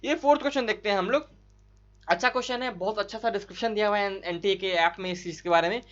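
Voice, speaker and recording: A man tutoring biology for an entry exam, rushing through solutions in a chatty, coaxing way with frequent tag questions to his students. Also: high-pitched, a bit bright, muffled recording. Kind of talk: fast online exam-solution lesson.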